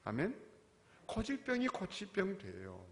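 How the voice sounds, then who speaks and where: A male pastor preaching a sermon, swinging from quiet, questioning asides to loud, impassioned cries. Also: high-pitched, wildly swooping pitch, a little slow. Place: church sanctuary. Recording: long reverb of a church hall.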